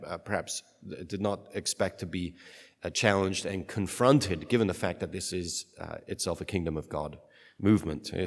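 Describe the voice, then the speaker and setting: A man speaking as a priest in church, reading scripture and preaching reflectively, his voice carried in a cathedral echo. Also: low voice. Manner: reflective, halting, thinking aloud. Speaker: priest giving a homily. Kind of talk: liturgical Gospel reading and unscripted homily. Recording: long cathedral-like echo of a large space.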